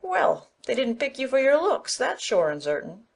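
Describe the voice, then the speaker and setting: Woman doing a nosy middle aged busybody lady for an audiobook, blunt n emphatic, really animated pitch. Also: normal speed, gravelly, exaggerated voice. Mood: blunt, critical. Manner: outspoken, emphatic. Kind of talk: dramatized audiobook acting.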